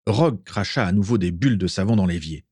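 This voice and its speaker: Low-voiced guy reading a story aloud, dead dry recording, steady pace. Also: fast, husky, dry recording. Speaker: narrator. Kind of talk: audiobook reading of fan fiction.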